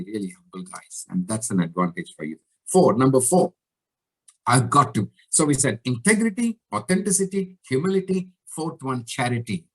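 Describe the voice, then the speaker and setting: A man giving a motivational talk to coaches, telling a story in an animated, emphatic way. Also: mid-range voice. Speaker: coach educator.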